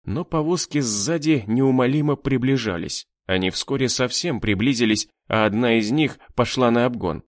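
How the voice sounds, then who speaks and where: A man narrating an adventure story in an animated storytelling manner. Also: medium pitch, normal speed, hardly any pauses, dry recording, studio quality. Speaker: audiobook narrator. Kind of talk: scripted narration.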